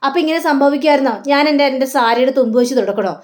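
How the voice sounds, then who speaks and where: Hurt daughter-in-law voiced by a woman, defensive, high voice. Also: very fast, natural voice.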